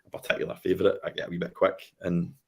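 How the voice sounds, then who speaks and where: A man's voice: sits low, completely flat delivery, racing, vocal fry. A man with a Scottish accent talking casually and off the cuff, as a YouTuber on a discussion panel. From Scotland. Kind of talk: casual unscripted chat.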